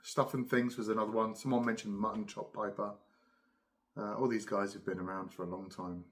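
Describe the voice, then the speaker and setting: A middle-aged man with a southern English accent speaks in a fairly low voice. He rambles casually on his own, musing without hurry and leaving pauses as he puffs on a pipe. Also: flat delivery, fairly bright tone. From Cambridge, England. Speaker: pipe-smoking video host. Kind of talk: casual rambling solo chat.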